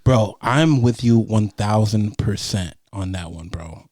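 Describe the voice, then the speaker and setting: A man hosting a casual chat show, talking like a frat bro in slangy bro talk with drawn-out emphasis. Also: lowish voice, darkish tone, no room sound, studio quality.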